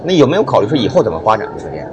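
A man's voice: fairly low pitch, sing-song, rapid-fire, dull audio, noisy background. A man hosting a casual business interview, asking questions and summing up as presenter. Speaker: interviewer and host. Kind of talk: casual business interview with a closing narrated summary.

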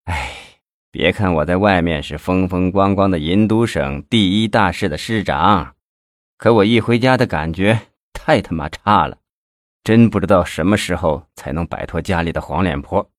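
A man's voice: fairly low pitch, sing-song, a little fast, husky, dry recording, clean studio sound. A man doing a sighing, self-pitying middle-aged mayor. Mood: gloomy, sighing. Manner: sighing, complaining, weary.

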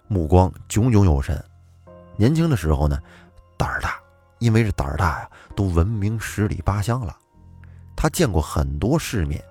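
A man's voice: low-pitched, darkish tone, breathy edge, no room sound. A man hosting an audio folk-tale show, narrating in a conversational manner with asides to the listeners. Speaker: storyteller host.

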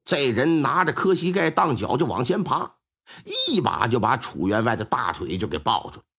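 Lively male storyteller. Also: mid-range voice, moderate pace, slightly rough. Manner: colloquial, lively. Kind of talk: storytelling performance.

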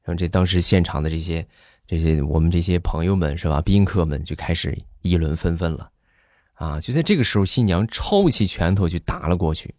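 A man telling comic anecdotes in a lively monologue, acting out the people in his stories. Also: low voice, a little fast, no room sound, clean studio sound. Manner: animated, acts out characters in his anecdotes. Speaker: comedy storyteller.

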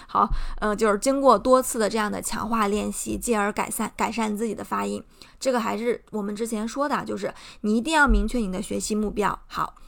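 A woman's voice: medium pitch, creaky, a bit bright. A young woman from China hosting a podcast, giving earnest, encouraging advice and explaining it step by step. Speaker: podcast host. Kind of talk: casual advice talk.

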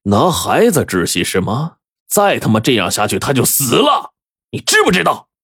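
A man's voice: low voice, animated, brisk, no echo, clean studio sound. A man voicing a wealthy gang boss who can turn from genial to roaring. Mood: furious. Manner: smooth then roaring. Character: gruff rich gang boss, hot-tempered but kind.

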